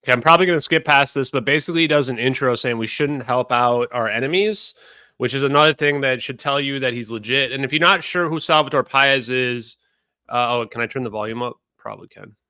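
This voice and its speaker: A man hosting a casual reaction video, chatty and excitable, talking straight to his viewers. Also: mid-range voice, quick pace, clean tone, no echo. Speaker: host reacting to a podcast.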